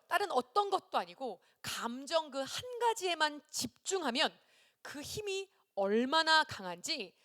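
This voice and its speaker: A woman's voice: sits high, fairly bright tone. A woman preaching an online sermon to teenagers, speaking to them directly and acting out the voices she quotes. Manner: addresses listeners directly, acts out quoted voices. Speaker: youth ministry preacher.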